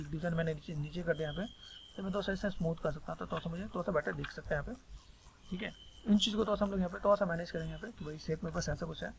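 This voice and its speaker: A man with a Hindi accent giving a rambling, repetitive screen-recorded software tutorial on 3D sculpting. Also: fairly high pitch, creaky, a little hiss or hum. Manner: rambling, repeats filler phrases constantly.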